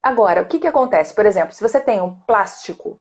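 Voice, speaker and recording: This Rio de Janeiro speech therapist talks fast and expressively in a mid-range, darkish voice, and the audio has its highs cut off. In a live online chat she walks through voice technique in Brazilian Portuguese, demonstrating sounds and adding "né?" again and again.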